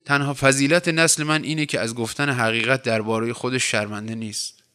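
A man's voice: mid-range voice, fairly even intonation, sharp tone, clear, resonant tone, lightly acted. A man reading aloud voices an idle, sardonic young man of twenty-eight with a mocking, detached way of talking.

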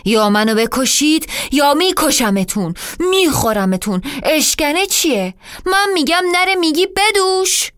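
A woman reading aloud and voicing a menacing, bitter half-snake woman who growls her threats low. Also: very animated, no room sound, clean studio sound. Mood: threatening.

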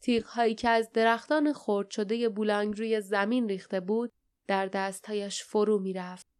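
Clear-voiced woman reading a storybook. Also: mid-range voice. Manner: steady, measured reading. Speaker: audiobook narrator. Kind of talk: scripted storybook narration.

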